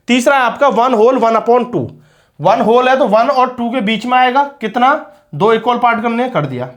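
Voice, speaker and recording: A man teaching a maths class in a patient way, with a high voice. He counts steps out slowly, repeats key points and keeps checking that his students follow. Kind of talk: classroom-style maths lesson.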